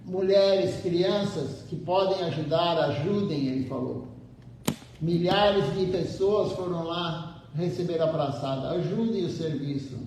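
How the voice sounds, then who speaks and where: A man with a fairly high voice delivers a devotional sermon, pressing his listeners and repeating key phrases again and again. He sounds well away from the microphone in a very echoey temple hall, with a faint low rumble underneath. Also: a little mellow, far from the mic. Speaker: temple speaker.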